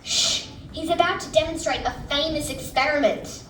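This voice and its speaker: A woman's voice: high voice, normal speed, fairly bright tone. Woman as eager time-travel guide, distant and echoey. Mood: explanatory. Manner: showman-like, explanatory. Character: eager time-travel guide who explains history and science. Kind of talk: stage musical acting, announcing. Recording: distant, echoey, noisy stage recording.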